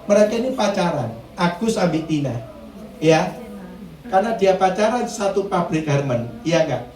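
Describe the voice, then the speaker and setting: A man's voice: sits high, moderate pace. Male preacher, playful call-and-response style; heard from a distance in an echoey hall. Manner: lively, jokey, asks the congregation questions, mixes in Javanese. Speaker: pastor. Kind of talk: sermon. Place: church.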